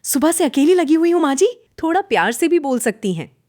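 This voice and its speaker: A woman's voice: mid-range voice, big pitch swings, moderate pace, a little mellow, no room sound, clean studio sound, close to an everyday voice. A woman voicing an overworked young daughter-in-law who answers back in a pained, pleading way in a cartoon story. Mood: defensive.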